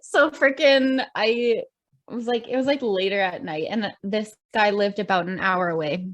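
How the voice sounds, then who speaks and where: A young woman from Canada telling a story in casual chat, animated, acting out what people said and laughing often. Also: mid-range voice, measured pace. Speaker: podcast guest.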